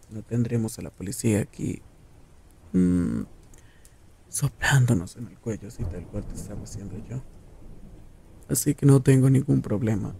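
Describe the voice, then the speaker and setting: A man playing a menacing, possessive serial killer lover in an ASMR roleplay, taunting and condescending in a drawn-out way. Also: medium pitch, creaky, dark tone, slight background noise.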